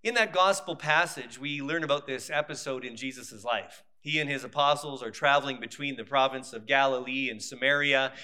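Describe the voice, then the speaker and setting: A man preaching a sermon in a conversational but deliberate manner, building points through repetition. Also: medium pitch, sharp tone.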